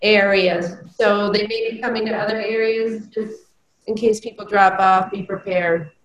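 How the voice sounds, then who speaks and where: A woman on a group video call whose voice carries a strong echo, giving a quick practical heads-up. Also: medium pitch, steady tone, lo-fi sound. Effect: strong echo on her video call audio. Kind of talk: casual call announcement. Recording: echoey distant call audio with faint noise.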